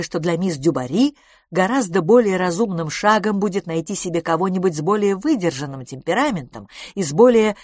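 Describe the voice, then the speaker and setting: A woman's voice: lowish voice, dry recording. A woman plays a prim middle-aged spinster who speaks her mind bluntly. Her speech is forthright and lecturing. The recording is dry and close.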